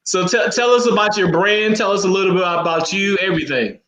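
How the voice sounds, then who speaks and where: A man's voice: high voice, brisk, fairly bright tone, poor audio. A man hosting a casual talk show, speaking in an easygoing, reflective way. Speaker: host, fashion designer.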